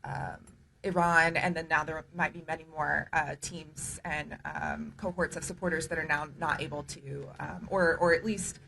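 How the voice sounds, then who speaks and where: A woman human rights advocate speaking at a press conference, earnest and hesitant with many pauses. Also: low voice, steady tone, gravelly, pushed and bright, a little hiss or hum.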